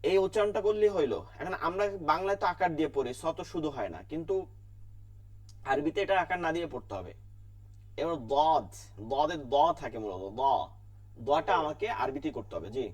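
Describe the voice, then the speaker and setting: A man's voice: on the high side, expressive, fairly quick, recorded from a distance. A man teaching an online Quran class, repeating letter sounds again and again and asking and answering his own questions.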